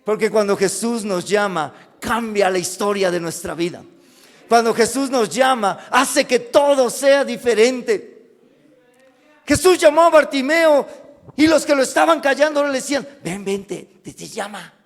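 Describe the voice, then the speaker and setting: A man with a Mexican Spanish accent delivers a dramatic sermon in a high, unhurried voice. He builds to loud cries and then sinks to hushed, near-whispered lines. The sound carries a long reverb from the church hall. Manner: dramatic preaching, rising to loud cries and dropping to hushed asides. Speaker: pastor.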